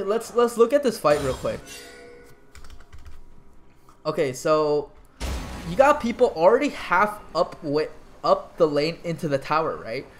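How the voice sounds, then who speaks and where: A man's voice: fairly high pitch, slight background noise. Man coaching over a game replay. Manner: conversational, restarts sentences, swears casually. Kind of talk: casual gameplay analysis commentary.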